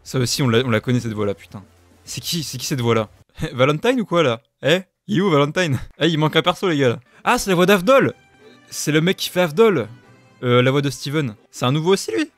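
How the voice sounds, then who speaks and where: A man making a casual reaction video, talking in loose slang with sudden loud outbursts. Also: fairly high pitch, animated, quick pace, faint music behind. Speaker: YouTuber.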